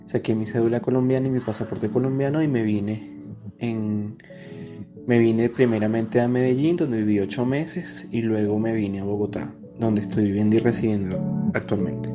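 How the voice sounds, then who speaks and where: A man's voice: lowish voice, fairly even intonation, highs cut off, music in the background. Reflective young Venezuelan man. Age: 20s. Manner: reflective, with pauses and hesitations. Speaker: journalist giving a migrant testimony. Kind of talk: personal testimony.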